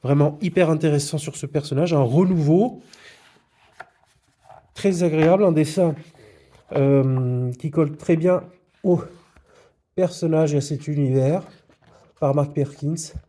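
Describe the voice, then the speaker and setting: Man, slightly high voice, warm tone, hesitant, casual haul video. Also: a little slow, pauses often. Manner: hesitant, many fillers. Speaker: comics vlogger.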